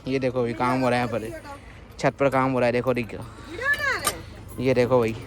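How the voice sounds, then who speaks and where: A man in casual vlog mode keeps up a running chat with his viewers, pointing things out as he goes. His voice sits at an ordinary middle pitch. Clear street and vehicle noise runs under the phone recording. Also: level tone, normal speed. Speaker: vlogger and father. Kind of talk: casual vlog narration to camera. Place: outdoors, rooftop and street market.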